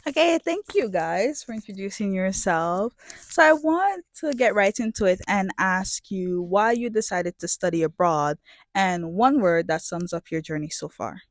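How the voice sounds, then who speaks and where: A woman's voice: medium pitch, expressive, normal speed, no echo. Host, woman in her twenties from Jamaica, upbeat and welcoming, dry close sound. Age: 20s. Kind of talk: hosting a panel talk show.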